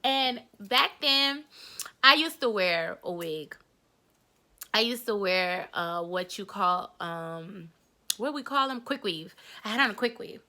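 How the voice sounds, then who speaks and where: A young adult woman chatting casually in a storytime vlog, telling a story in a lively, slangy way. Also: medium pitch, slow. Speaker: vlogger.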